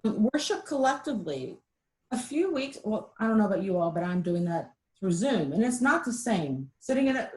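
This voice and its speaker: A middle-aged woman giving a casual, chatty webinar presentation over a video call, animated and self-deprecating. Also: mid-range voice.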